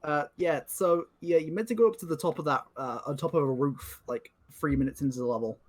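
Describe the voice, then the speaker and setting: A man's voice: on the high side, brisk. A man commenting on a live speedrun, explaining the route with lots of fillers. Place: speedrun event stream. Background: game music.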